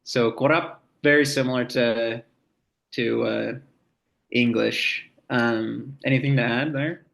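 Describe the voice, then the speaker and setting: Male co-host, slow and easygoing, plenty of ums. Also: mid-range voice, fairly even intonation, gravelly, a bit bright. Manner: unhurried, hesitant, many fillers. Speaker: language teacher. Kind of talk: casual lesson.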